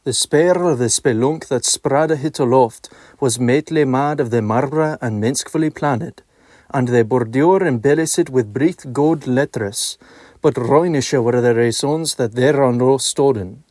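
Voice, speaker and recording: A man with a medium-pitched voice recites alliterative medieval verse. His delivery is measured and metrical, with archaic pronunciation throughout. The recording is dry, with no room sound around the voice. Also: darkish tone, dry recording. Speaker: reader of a medieval poem.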